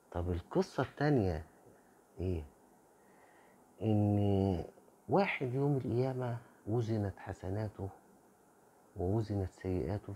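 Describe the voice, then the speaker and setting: Egyptian guy, super low gravelly voice, earnest storytelling, gets forceful. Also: slight background noise. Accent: Egyptian Arabic. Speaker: speaker sharing personal reflections. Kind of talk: informal religious reflection.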